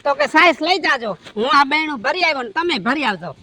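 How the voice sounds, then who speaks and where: A man's voice: extremely high pitch, lively intonation, fast, bright, forceful tone, exaggerated voice. A man playing a meek nephew who does the housework and complains about his wife in a comedy skit. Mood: complaining.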